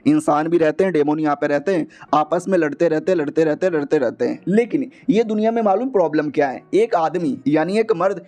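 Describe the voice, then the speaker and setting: A man casually retelling a comic story in a chatty, slangy, joking way, slipping into quick voices for the characters. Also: a little high, mellow. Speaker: manhua recap narrator.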